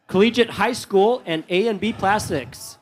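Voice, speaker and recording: A man working as a game announcer, introducing competitors live with projected, drawn-out name calls. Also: sits high, a little hiss or hum.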